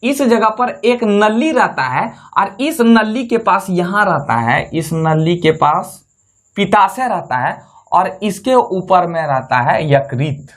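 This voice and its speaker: A man's voice: high voice, animated, takes it slowly, fairly bright tone. A man teaching a biology class, who asks the students questions and answers them himself, with folksy, jokey asides.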